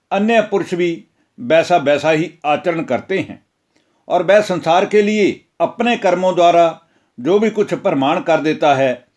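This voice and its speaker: A man voicing a calm, solemn divine teacher who gives measured instruction in a scripture retelling. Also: a little high, natural voice.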